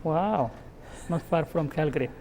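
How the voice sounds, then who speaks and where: A male host interviews his guests, asking questions and adding short acknowledgements. His voice is fairly high and mellow. A long reverb trails behind it. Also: measured pace, slight background noise. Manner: asks friendly questions with short backchannels. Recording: reverberant room.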